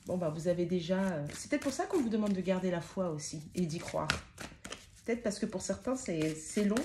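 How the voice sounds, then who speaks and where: This very noisy clip features a middle-aged woman reading tarot at home, with dogs close by. Her voice is on the low side and animated; she chats, exclaims over the cards, and keeps dropping in "hein." While channeling she sometimes rushes and stammers, and she sounds sniffly.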